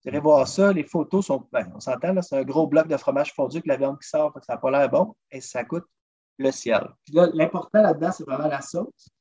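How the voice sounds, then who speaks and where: Here a Québécois man speaks briskly in a slightly rough, somewhat high voice. A podcast guest who drums and travels for food, he chats animatedly through recipes in a casual interview, repeatedly saying "listen," all captured in dull lo-fi sound.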